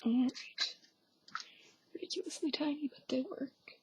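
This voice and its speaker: A woman's voice: sits high, a little slow. Whispering young woman making a tutorial. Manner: self-deprecating, offhand asides. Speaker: craft tutorial maker. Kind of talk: whispered hands-on craft tutorial. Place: at home, quiet indoors.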